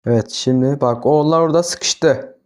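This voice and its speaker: A man's voice: medium pitch, moderate pace. A young man casually commenting as he plays a farming game, talking to himself and flaring into exasperated outbursts. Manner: talks to himself, flares into exasperated yelling at the animals. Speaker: gaming YouTuber. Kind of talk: casual Minecraft let's-play commentary.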